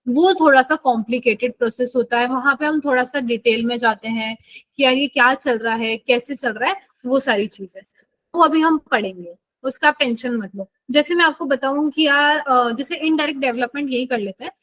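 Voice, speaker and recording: A woman's voice: high-pitched, moderate pace, fairly bright tone, no room sound, rough recording. A woman teaching a live online biology class in a chatty way, often checking that students follow.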